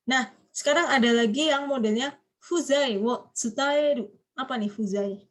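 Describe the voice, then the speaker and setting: A woman's voice: high-pitched, normal speed. A woman from Indonesia teaching a business Japanese class over a video call, explaining patiently and quizzing her students. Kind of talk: online class lecture.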